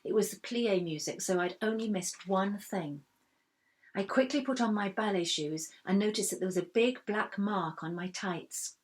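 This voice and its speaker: A woman's voice: mid-range voice, normal speed. Woman reading a children's story aloud. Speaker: reader.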